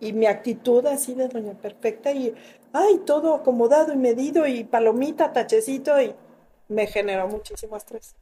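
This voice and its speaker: A middle-aged woman with a Mexican accent, telling lively stories about motherhood in a casual group chat and acting out what she once said. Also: fairly high pitch, moderate pace, a little hiss or hum. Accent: Mexican Spanish. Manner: animated storyteller, acting out her own past lines.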